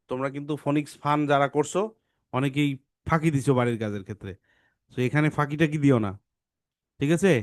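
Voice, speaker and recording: A man's voice: medium pitch, a little mellow, no room sound, clean studio sound. A man teaching an online English class for children, often repeating points and checking whether the kids follow. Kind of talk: online kids' class talk.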